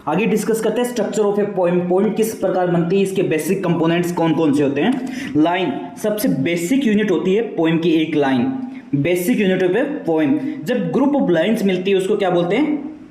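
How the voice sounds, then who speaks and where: A man's voice: sits high, lively intonation, normal speed, mellow, echoey room, poor audio. Man lecturing with self-posed questions. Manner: explains step by step, asking and answering his own questions; mixes English terms into Hindi. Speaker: teacher. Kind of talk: classroom lecture.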